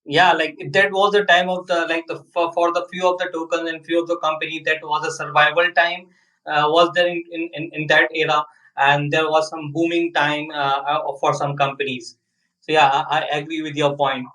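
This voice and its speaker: A male podcast host asking questions in a halting way, leaning heavily on "like" and "uh." His voice sits a little high for a man. He sounds set back from the microphone. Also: level tone, pushed and bright, far from the mic, poor audio. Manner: halting, heavy use of "like" and "uh". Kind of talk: casual podcast interview.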